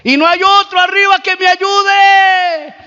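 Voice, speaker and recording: A man voicing God calling down from above, giving calm, reassuring commands. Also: extremely high pitch, slow pace, pitched above the performer's own voice, full character voice. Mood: commanding. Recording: reverberant hall, dull lo-fi recording.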